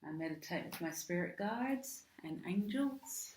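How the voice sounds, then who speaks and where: A woman's voice: on the low side, lively intonation, unhurried, a little mellow, a little hiss or hum. A woman with an Australian accent giving a casual monthly tarot reading, hesitant, with frequent ums and restarts. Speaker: tarot card reader. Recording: echoey room.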